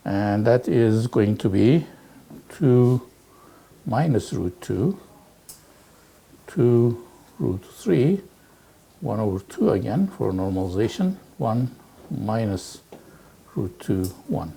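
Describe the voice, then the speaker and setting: Slow, gravelly male physics lecturer. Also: medium pitch, very animated, warm tone. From Turkey. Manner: slow, halting, with frequent "okay" and "right". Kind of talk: university lecture working through exercises. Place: lecture hall.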